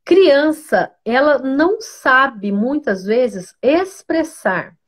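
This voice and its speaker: A woman, a pedagogue, giving parenting advice in a live-streamed interview, often tagging her sentences with a questioning "né" and pausing to greet viewers by name. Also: high-pitched, animated. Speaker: pedagogue guest.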